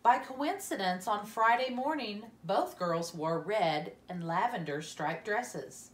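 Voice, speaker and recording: A woman with a medium-pitched voice reads a children's storybook aloud, expressive and deliberate, softening as each line of dialogue ends. The room sounds spacious.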